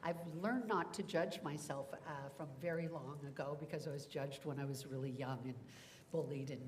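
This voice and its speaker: A woman's voice: deep voice, normal speed, a little mellow, slight background noise. A woman voice actor speaking on a convention panel, earnest and encouraging, addressing the audience directly.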